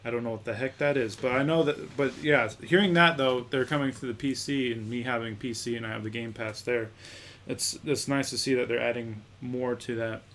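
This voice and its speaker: A young man in his twenties with a mid-pitched voice, chatting as a podcast co-host. His delivery is relaxed and offhand, and he often lets sentences trail away. A faint hiss runs underneath. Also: fairly quick. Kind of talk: casual chat.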